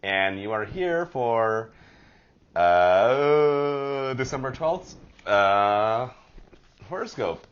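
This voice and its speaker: A man's voice: medium pitch, lively intonation, extremely slow, clean tone, dull audio. A man with a nasal voice hosting a casual horoscope vlog, chatty and rambling with a self-deprecating streak. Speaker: astrology vlogger.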